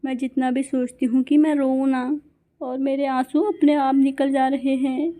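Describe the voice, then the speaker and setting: A woman's voice: high-pitched, little pitch movement, moderate pace, mellow, lightly acted. A woman voicing Gori, a loving mother bird who is upset and tearful. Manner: tearful, pleading.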